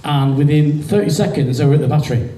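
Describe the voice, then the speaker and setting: A man's voice: fairly high pitch, quick pace, dark tone. A man from Morecambe, chatting through anecdotes on a Q&A panel. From Morecambe, England. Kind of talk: casual Q&A answers. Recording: echoey hall from far off.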